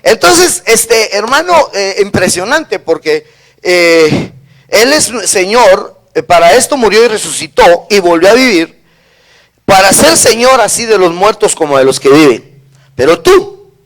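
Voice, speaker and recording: A man's voice: sits high, sing-song, unhurried, a bit bright. A middle-aged man with a Guatemalan accent, a pastor preaching a sermon and telling a personal story, who keeps checking in with the congregation. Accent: Guatemalan Spanish.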